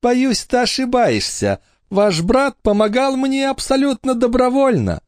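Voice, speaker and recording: Guy voicing a smooth sneering countess, swoops up and down a lot, dry close mic. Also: very high-pitched, very animated, measured pace, darkish tone, no echo, pitched above the performer's own voice, full character voice. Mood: coolly mocking. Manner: smooth, condescending, coaxing. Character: cold, silky scheming noblewoman, a countess. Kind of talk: audiobook character voice.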